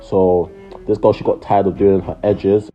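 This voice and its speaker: A man's voice: low voice, flat delivery, unhurried, lo-fi sound, soft background music. A young man with a London accent and slangy roadman delivery, giving casual comedic voice-over commentary.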